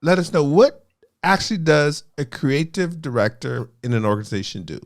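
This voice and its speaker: A man's voice: fairly high pitch, lively intonation, normal speed, vocal fry. Groggy, playful male talk show host. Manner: playful, laughs often, teasing. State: groggy from early morning. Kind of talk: casual online talk show chat.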